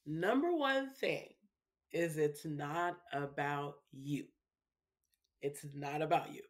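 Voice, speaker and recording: A woman's voice: deep voice, takes it slowly. A woman talking as a guest in a casual interview, chatty and loose, often tagging her sentences with little asides. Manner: chatty, peppers speech with "you know" and "right". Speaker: guest, parenting speaker.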